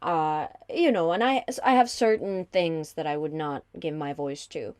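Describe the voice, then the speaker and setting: A woman who works as a voice-over artist and coach, talking in a warm, reflective way in casual conversation. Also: low-pitched, a little slow, smooth, no echo, studio quality. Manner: warm, reflective, laughs easily.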